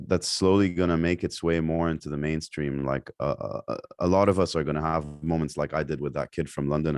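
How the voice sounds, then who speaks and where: A man's voice: a bass voice, clean tone, no echo, studio quality. A young man from Lebanon, a singer guesting on a podcast, chatting casually with many fillers and restarts. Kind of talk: casual interview chat.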